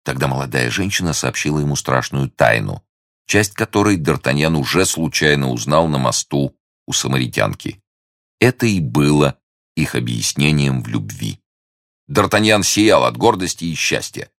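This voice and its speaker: Deep-voiced male reader for classic fiction audiobook, measured and even, dry studio sound. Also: no room sound. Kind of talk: literary audiobook narration.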